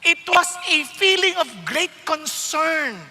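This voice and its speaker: A man's voice: very high voice, lively intonation, takes it slowly, pushed and bright, slight background noise. A man with a Filipino accent preaching a sermon, emphatic and full of rhetorical questions to his congregation, switching between English and Tagalog. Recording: long reverb of a large hall.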